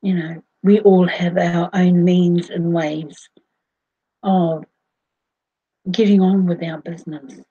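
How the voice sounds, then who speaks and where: A woman, talking slowly to her viewers in a rambling way, with many fillers and restarts. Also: on the low side, fairly even intonation, mellow, lo-fi sound. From New Zealand. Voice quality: husky. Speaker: vlogger. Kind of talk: casual monologue to camera.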